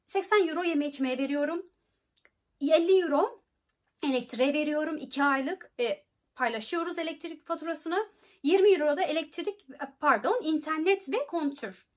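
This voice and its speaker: A young woman from Turkey answering viewer questions in a casual vlog, chatty and often correcting herself mid-sentence. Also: sits high. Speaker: vlogger.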